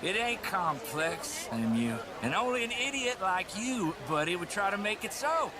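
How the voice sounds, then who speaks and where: A man's voice: high voice, sing-song, drawn-out words, full character voice. A man playing a belligerent drunken town bigot in a video game, drawling slurred taunts. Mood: drunken taunting. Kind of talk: video game character acting. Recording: clear outdoor background noise.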